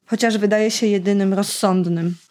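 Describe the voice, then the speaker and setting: A woman's voice: mid-range voice, fairly even intonation, moderate pace, a little mellow. A woman chatting casually about children's books, reading passages aloud and giving the characters voices, with laughs between her remarks. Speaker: children's book reviewer. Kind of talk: casual book review with read-aloud.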